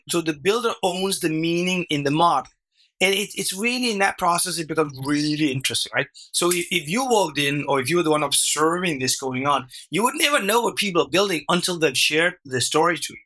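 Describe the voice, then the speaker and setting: A Danish-native workshop facilitator, appearing as a podcast guest, explains his method in a high voice during a conversational interview. He's animated, restarting often and tossing in "right?"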